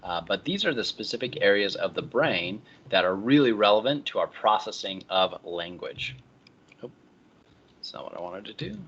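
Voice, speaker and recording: A man lecturing a class, explaining in a relaxed way with many ums and uhs. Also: fairly low pitch, moderate pace, lo-fi sound, a little hiss or hum.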